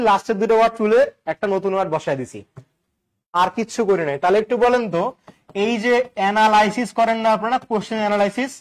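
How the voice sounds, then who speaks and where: High-voiced man teaching grammar. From Bangladesh. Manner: quizzes listeners with repeated questions and jokes. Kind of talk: online exam-prep English grammar lesson.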